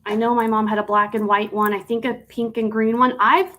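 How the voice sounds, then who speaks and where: Woman, casual live-stream seller, slightly high pitch, rambling, fillers and self-corrections. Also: little pitch movement, a little fast, bright, forceful tone, rough recording.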